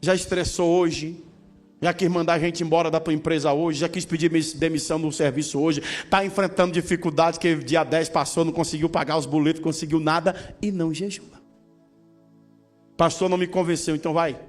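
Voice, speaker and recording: High-voiced man preaching a lively sermon. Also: brisk, soft background music. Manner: humorous, with call-and-response to the congregation. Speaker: pastor.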